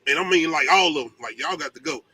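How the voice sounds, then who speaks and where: A man presents a casual top ten countdown in a bright, forceful voice pitched a little high. His talk is slangy and emphatic, with swearing mixed into the commentary. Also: quick pace, husky, no echo, rough recording. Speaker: host of a movie countdown show.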